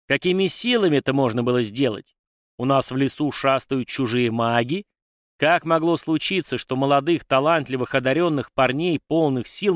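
A man acts out a grey-haired clan lord of great age, loud and wrathful, barking his questions in a raised, strained voice. He is imperious and commanding, like someone used to being obeyed, recorded close and dry as a storybook reading. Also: a little high, dry recording, close to an everyday voice. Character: furious old grey-haired clan patriarch.

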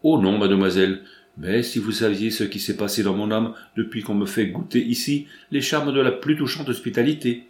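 A man voicing a polite, puzzled gentleman who answers with formal courtesy, recorded in a roomy space. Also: on the low side, a little fast, close to an everyday voice. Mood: courteous.

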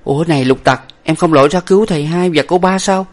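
A man doing a soft, grieving young woman. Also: on the high side, fast, pitched above the performer's own voice, lightly acted. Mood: worried. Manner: soft, raised voice, quiet and earnest.

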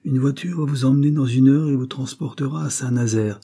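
A man voicing a stern young duke who passes sentence in firm, measured words. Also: medium pitch, warm tone, breathy edge, pitched above the performer's own voice.

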